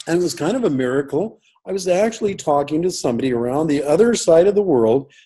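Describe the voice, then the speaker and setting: Mellow, husky man telling a story. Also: a little high, wildly swooping pitch, moderate pace, rough recording. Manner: rambling, many fillers and restarts. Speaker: guest. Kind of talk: storytelling on a call. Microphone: call audio.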